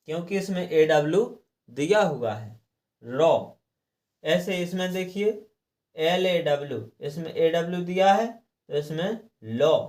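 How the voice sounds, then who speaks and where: A man's voice: fairly high pitch, darkish tone. A man teaching a lesson on English reading rules, patiently repeating each rule and spelling letters out one by one. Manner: clears throat now and then. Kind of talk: slow explanatory lesson.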